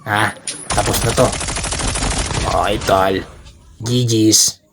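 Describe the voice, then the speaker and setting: A man with a Filipino accent giving casual, playful commentary while streaming a mobile shooter game, teasing opponents and jumping higher in firefights. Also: fairly even intonation, slow pace, background noise. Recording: gunfire sound effects behind.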